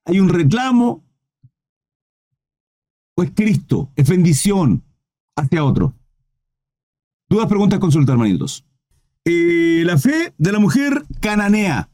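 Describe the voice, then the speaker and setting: A man preaching on a Bible passage in a live stream, reading verses and asking rhetorical questions, often clearing his throat. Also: sits high, sing-song, slow pace, pauses often, a little mellow. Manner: reads scripture aloud and preaches on it, with rhetorical questions.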